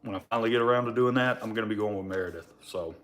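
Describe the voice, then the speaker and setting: Mumbling man, lowish voice. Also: very fast, a bit bright, slight background noise. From Alabama, United States. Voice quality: mumbled, marbles-in-mouth diction. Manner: rambling, folksy, informal. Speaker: livestream host. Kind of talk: casual livestream chat.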